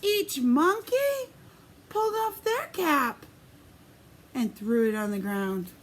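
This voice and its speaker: With a high-pitched voice, a woman preschool teacher reads a picture book aloud in an expressive, sing-song style, pausing to ask the young children questions.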